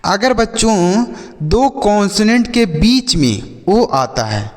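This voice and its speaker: A man's voice: high voice, animated, takes it slowly, big-room sound. A man teaching a phonics lesson, spelling words letter by letter and asking questions that he answers himself. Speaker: English teacher.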